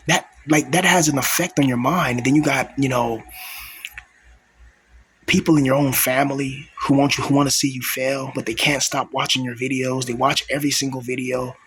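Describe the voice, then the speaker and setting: A man in his thirties delivering an aggrieved, repetitive confessional vlog monologue in a hushed whisper, keeping his voice down so he is not overheard, with some swearing. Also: mid-range voice, brisk. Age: 30s. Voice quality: whispered, hushed voice held back to avoid being overheard. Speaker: video blogger. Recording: clear steady background noise.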